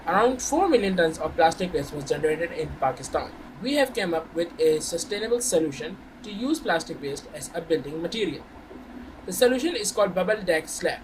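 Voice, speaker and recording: A young Saudi startup founder presents his startup and fields questions in an earnest, formal manner, politely saying "sir." His voice is high-pitched, and the low-quality recording has a slight hiss or hum.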